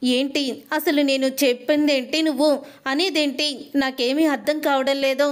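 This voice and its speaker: A woman's voice: sits high, fairly even intonation, moderate pace, natural voice. Woman reading the lines of a stern scolding husband. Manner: insistent, scolding. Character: stern young husband demanding money.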